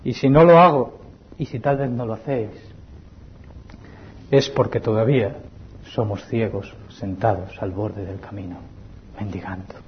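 Fervent Spanish preacher, soft to loud. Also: male voice, on the low side, unhurried, pauses often, slight background noise. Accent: Spain Spanish. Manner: swings between soft hushed pleading and raised fervent exhortation; addresses the congregation as brothers. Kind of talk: sermon. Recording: dull lo-fi recording.

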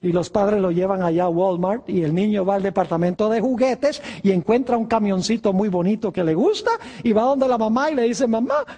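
A preacher giving a sermon, asking rhetorical questions and answering them, stretching key words slowly. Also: mid-range voice, dark tone.

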